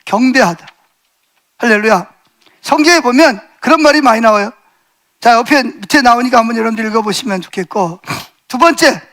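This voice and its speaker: A middle-aged male pastor preaching a sermon in a church, telling a personal story with vivid re-enactment, shifting between loud exclaims and hushed asides. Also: extremely high pitch. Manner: animated storytelling, shouting re-enacted lines, swings loud to hushed. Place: church sanctuary.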